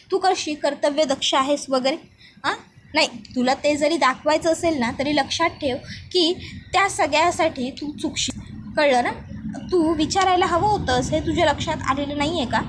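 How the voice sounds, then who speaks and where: A woman's voice: high-pitched, moderate pace, a bit bright, a little hiss or hum. A woman voicing a stern middle-aged mother-in-law who lectures her new daughter-in-law in a reproachful tone.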